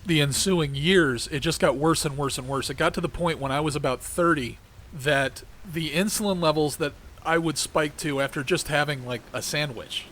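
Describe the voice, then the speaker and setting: A man's voice: on the high side, moderate pace, fairly bright tone, a little hiss or hum. A middle-aged man hosting his own show, talking in a rambling, conversational way with a congested voice that keeps cracking. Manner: heated and ranting, then rambling and conversational. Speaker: podcast host. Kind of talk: casual political monologue.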